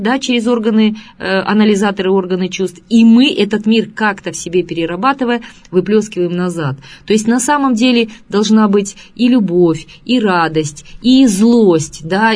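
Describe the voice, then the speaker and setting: A woman with a mid-range, slightly mellow voice gives a radio talk on child psychology. She addresses listeners as an expert in an earnest, lecturing way, asking lots of rhetorical questions.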